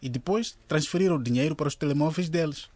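An actor playing an earnest, probing male police agent with a husky voice in a radio drama. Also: a little high, quick pace, dark tone, no echo, lightly acted. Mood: serious. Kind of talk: scripted radio drama acting.

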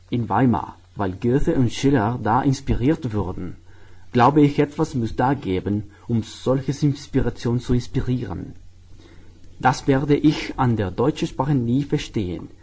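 A man's voice: mid-range voice, a little slow, dark tone, slightly rough. A young man from Guatemala with a Spanish accent, talking carefully about himself in learner German and making grammar slips as he goes. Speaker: medical student, German learner. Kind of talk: personal portrait monologue.

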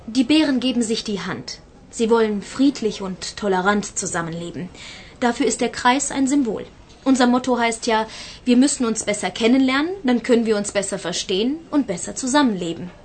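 A woman's voice: a little high, animated, brisk, darkish tone, a little hiss or hum, lightly acted. A woman playing an earnest, courteous project spokeswoman in a scripted interview for a language course. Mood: earnest, informative.

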